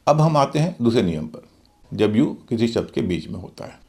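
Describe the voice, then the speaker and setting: A man's voice: medium pitch, lively intonation, normal speed, darkish tone. A middle-aged man teaching English pronunciation, spelling out words letter by letter and explaining the rules step by step. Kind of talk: Hindi-language English lesson.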